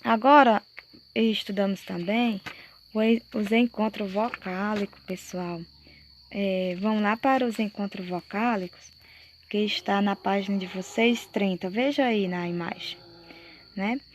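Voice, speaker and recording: A Brazilian woman teacher giving a slow, explanatory lesson to fourth graders and checking often that the class follows. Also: medium pitch, a little hiss or hum. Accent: Brazilian Portuguese.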